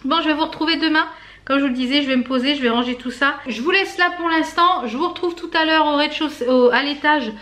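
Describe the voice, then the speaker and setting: A woman talks casually to her viewers in a slightly high voice. Her voice is hoarse and she runs short of breath. She rambles along, full of little hesitations. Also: fast, sharp tone. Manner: chatty, full of fillers and hesitations. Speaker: beauty vlogger. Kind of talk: casual vlog chat to camera.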